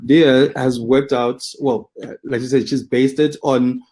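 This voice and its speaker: A man's voice: mid-range voice, fairly even intonation, measured pace, warm tone. A man hosting an interview, asking long, hesitant questions full of restarts. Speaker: interview host. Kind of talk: interviewing a guest.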